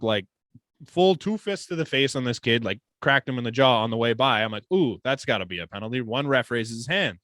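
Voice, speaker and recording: A young man from Canada co-hosting a sports podcast, telling stories in a casual, animated way with some swearing. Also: no room sound. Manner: animated storytelling, swearing, lively pitch swings. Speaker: podcast co-host. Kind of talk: casual chat.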